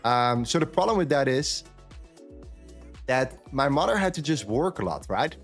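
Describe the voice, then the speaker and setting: A man's voice: medium pitch, lively intonation, normal speed, faint music behind. A man from the Netherlands, chatting candidly on a trading live stream and repeating phrases for emphasis. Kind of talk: casual chat on a live stream.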